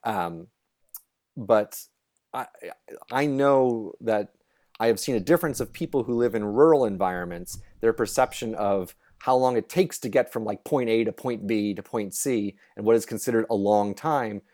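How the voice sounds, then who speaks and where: A man with a lowish voice talks through his research as an interview guest. He is animated, restarting his sentences often and slipping into little acted-out quotes. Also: normal speed. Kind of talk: conversational explanation.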